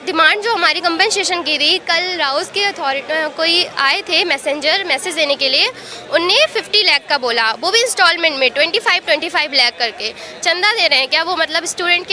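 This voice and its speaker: Her voice is extremely high, pushed and bright. She is a young woman from Uttar Pradesh, India, an exam aspirant interviewed on the street at an outdoor protest, and she talks in long, earnest, upset runs, mixing English words into her speech.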